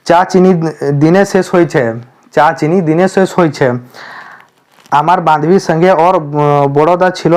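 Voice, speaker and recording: A man reading out the lines of an irritated wife who scolds her husband, in a sharp, scolding way. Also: a little high, close to an everyday voice.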